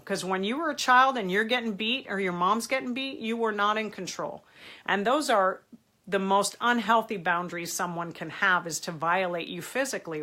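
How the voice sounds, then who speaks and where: Sharp in tone and mid-range in pitch, this middle-aged woman has a cold that leaves her voice stuffy. On her live stream she reads viewers' comments aloud and answers their questions, offering advice in an earnest, emphatic manner.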